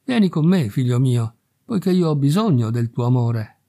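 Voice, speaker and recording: A man's voice: mid-range voice, animated, normal speed, mellow. A man voicing a grieving beggar mother who pleads in a raised, tearful voice. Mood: pleading.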